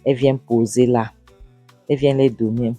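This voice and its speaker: A woman's voice: a bass voice, steady tone, moderate pace, dark tone, slightly rough, soft background music. A woman narrating a film recap in a casual way, retelling the scenes and often repeating and restarting her words.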